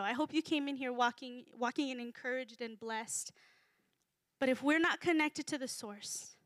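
Chatty high-voiced woman preaching. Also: no room sound, clean studio sound. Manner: chatty and humorous, with frequent fillers. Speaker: speaker at a church gathering. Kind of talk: casual sermon to a live congregation.

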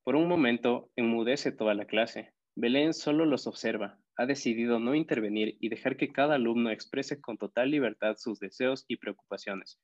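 A man narrating a children's audiobook in a steady reading voice. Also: mid-range voice, normal speed, few pauses, lo-fi sound. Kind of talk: scripted storybook narration.

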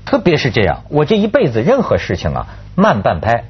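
A husky man hosts a casual panel chat with very animated intonation. He rambles and circles back on his phrases, prodding with rhetorical questions. The recording is a little dull. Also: mid-range voice, a little fast. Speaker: talk show host.

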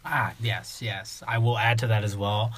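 Measured man explaining sports rules. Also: lowish voice, steady tone, a bit bright, slightly rough, no room sound. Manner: measured, explanatory, dryly sarcastic. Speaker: podcast co-host. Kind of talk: casual sports chat.

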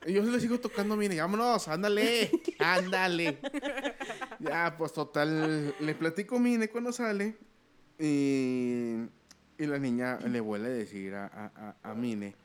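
A man's voice: fairly high pitch, expressive, unhurried. A man co-hosting a podcast. He tells stories in a casual chat, acts out the voices of the people in them and laughs often. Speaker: podcast co-host.

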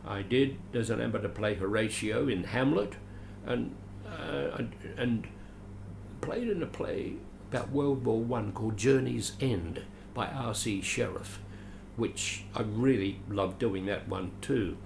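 With a fairly low, gravelly voice and a measured pace, an older Australian actor from Adelaide chats through his memories in an interview. He rambles, adding dry self-deprecating jokes, against a noisy background.

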